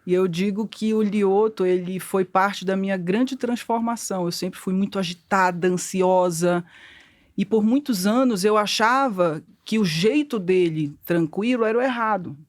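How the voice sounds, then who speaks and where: A woman, the guest's wife, answering an interview question in a calm, reflective way. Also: mid-range voice, moderate pace, no room sound.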